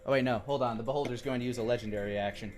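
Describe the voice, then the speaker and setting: A man's voice: mid-range voice, fairly even intonation, racing, a little hiss or hum. A man narrating as dungeon master in a live-streamed tabletop game, describing the scene with fillers and restarts.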